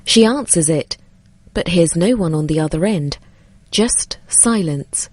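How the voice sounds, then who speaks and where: A woman narrating a scripted horror story in a measured, suspenseful way. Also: on the low side, animated, darkish tone, no room sound.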